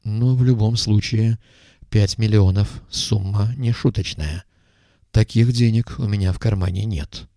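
A man reading an audiobook voices a stern, weary middle-aged intelligence chief who speaks in a measured, reproachful way. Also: on the low side, warm tone, dry recording, studio quality.

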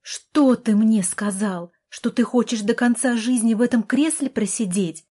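A woman voicing an exasperated older sister, a doctor, who pleads and shouts at her brother in an audiobook. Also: fairly high pitch, measured pace, slightly rough, pitched above the performer's own voice. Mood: desperate.

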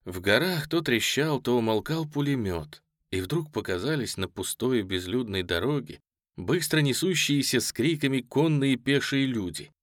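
A man reading a novel aloud in a measured, solemn manner, close to the mic. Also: medium pitch, lively intonation, no echo. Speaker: audiobook narrator. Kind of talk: scripted literary narration.

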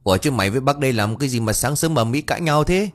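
A man's voice: medium pitch, lively intonation, very fast, voice pushed up, natural voice. A man voicing a hot-tempered old village master who speaks bluntly and scolds. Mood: scolding.

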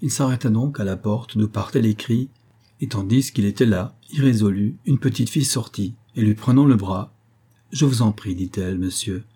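A man reads a classic novel aloud in a measured, literary way. His voice sits low and mellow with a husky grain, and he paces the story steadily. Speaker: audiobook narrator. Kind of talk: scripted narration of a classic novel.

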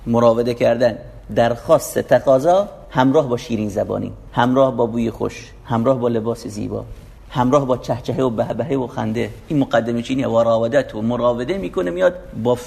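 A man's voice: mid-range voice, creaky, darkish tone. A man preaching a sermon, explaining scripture verse by verse in an emphatic, urging way.

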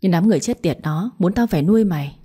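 Cruel stepmother, cold and commanding, read by a woman in a low, mellow, husky voice. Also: expressive, quick pace. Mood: contemptuous. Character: cruel scornful stepmother, middle-aged woman.

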